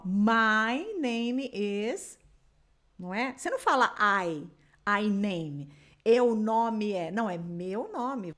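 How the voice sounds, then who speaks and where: A woman from Brazil teaching an English lesson in Portuguese, patiently drilling words slowly for the listener to repeat. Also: medium pitch, a bit bright. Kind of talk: online language lesson.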